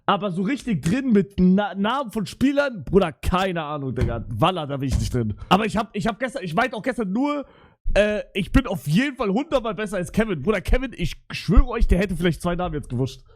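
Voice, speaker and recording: A young man chatting live on stream in a bright, high voice. He rambles in street slang and swears freely, sounding flustered as he talks. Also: lively intonation, a little fast. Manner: slangy, swearing, repeats "Digga" and "Bruder". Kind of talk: casual live-stream chat.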